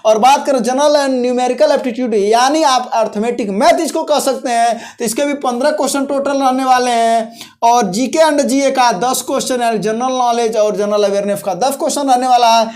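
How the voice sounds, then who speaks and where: This presenter runs a job-notification video channel and talks through exam and job details informally, in a mid-range, darkish voice at normal speed. The style is instructional, with repeated key points and regular check-ins.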